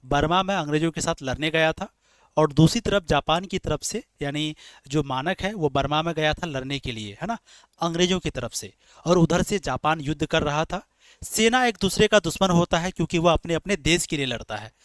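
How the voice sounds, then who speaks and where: A man's voice: a little high, brisk, a bit bright, no room sound. A man teaching an online exam-prep class, repeating points and asking rhetorical questions to his dear students. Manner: repetitive, explains in rhetorical questions, calls students dear children.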